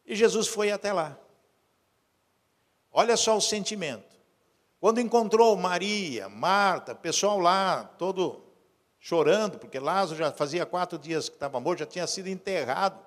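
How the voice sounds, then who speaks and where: Male pastor with a high voice, preaching in a church hall with long reverb. He swings from hushed storytelling to fervent calls. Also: lively intonation, moderate pace. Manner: builds from low quiet storytelling to loud urgent preaching. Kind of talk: sermon.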